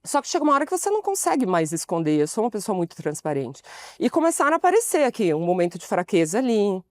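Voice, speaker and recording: A woman's voice: mid-range voice, quick pace, dry recording. A woman in her forties from Brazil, an interview guest telling stories from her career, acting out the dialogue she recalls. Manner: expressive storyteller, acts out quoted dialogue. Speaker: podcast guest, consultant. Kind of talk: storytelling interview conversation.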